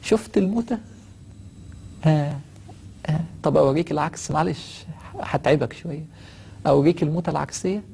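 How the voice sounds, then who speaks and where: A man with an Egyptian Arabic accent preaches through a string of stories, swinging between hushed words and exclaiming. He talks fast, in a mellow, darker tone with a husky edge. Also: on the high side. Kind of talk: storytelling sermon.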